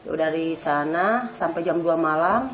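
Lower-voiced woman in her fifties, halting. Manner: halting, shaken retelling. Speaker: mother of the deceased, interviewee. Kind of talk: emotional interview. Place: at the family home.

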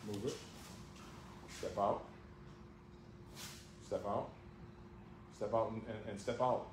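Speaking slowly and steadily in a fairly low voice, a man runs a hands-on judo session in a big gym, issuing short commands and repeating cues. The audio comes from a floor-mounted camera and carries gym echo and background noise.

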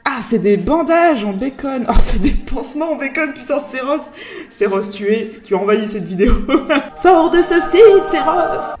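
Excitable woman in an echoey room. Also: high-pitched, normal speed, faint music behind. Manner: excitable, swears and laughs a lot. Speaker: YouTuber host. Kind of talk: casual reaction commentary.

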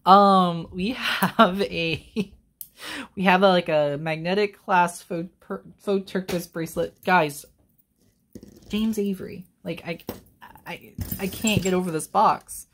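Young woman reseller vlogging, kinda low voice, gets super excited and giggly. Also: takes it slowly. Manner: excitable, gushing, laughs often, says y'all. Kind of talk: casual unboxing vlog.

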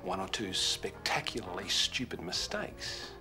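An actor plays a wry, measured businessman boss in a TV soap, dry and deliberate. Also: sits low, animated, music in the background. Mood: dry, needling. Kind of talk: naturalistic TV soap acting.

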